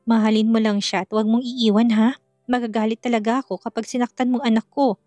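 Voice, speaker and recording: A woman's voice: fairly high pitch, level tone, fast, warm tone, dry recording, lightly acted. A woman voicing a stern but caring older mother-in-law in a narrated story, firm and scolding yet tender. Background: faint music.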